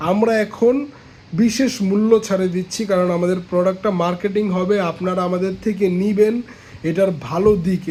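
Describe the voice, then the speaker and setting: A man with a high, mellow voice gives a casual, persuasive sales pitch and keeps circling back to his main points. He points out products as he talks. A faint hiss of background noise sits under his voice. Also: rough recording. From Bangladesh. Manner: persuasive, repeats points, shows products while talking. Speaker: seller pitching a pigeon feed dealership.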